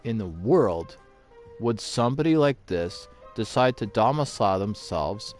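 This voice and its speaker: Middle-aged man, very low voice, swears freely, rambling anecdotes, faint music underneath. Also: expressive, measured pace. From Canada. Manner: profane, emphatic, rambling. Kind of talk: casual storytelling monologue.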